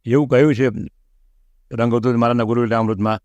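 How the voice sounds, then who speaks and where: A middle-aged man, an interview guest, telling a personal pilgrimage story in an animated way and acting out the lines he quotes. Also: mid-range voice, fairly quick, no echo, lo-fi sound. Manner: animated, acts out quoted speech.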